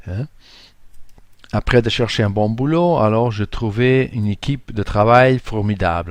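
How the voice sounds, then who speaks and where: A man speaking French as a non-native with a foreign accent, giving an informal screen-share tutorial, halting and searching for words. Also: on the low side, no echo. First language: not French. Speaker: tutorial presenter.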